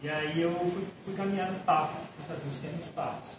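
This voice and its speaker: A man with a Brazilian Portuguese accent playing a self-important, lonely doctor in a live solo stage monologue, telling his story in halting bits with asides to the audience. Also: a little high, steady tone, natural voice. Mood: storytelling. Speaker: stage actor in a solo play. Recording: echoey theater sound from far off, with noise.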